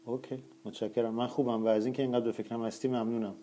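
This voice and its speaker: A man's voice: mid-range voice, little pitch movement, mellow, lightly acted. A man reading the lines of an impatient, suspicious wife speaking curtly on the phone in an audiobook. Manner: curt and impatient.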